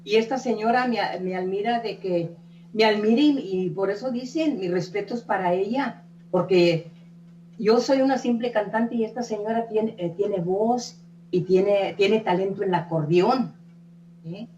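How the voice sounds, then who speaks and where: A woman's voice: mid-range voice, a little slow, dark tone, lo-fi sound. An older woman singer, telling stories in a chatty, folksy way full of "¿eh?" tags. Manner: chatty, folksy, frequent "¿eh?" tags and repeated words. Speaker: singer being interviewed. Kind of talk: warm, rambling storytelling interview. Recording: echoey room, voice from a distance, faint hum.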